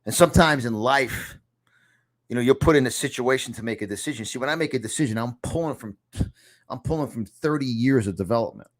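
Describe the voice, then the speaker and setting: Brisk and medium-pitched, a man in his fifties with a New York accent gives a motivational talk on success to camera. Recording in a small home studio, he's emphatic and echoes phrases to drive them in.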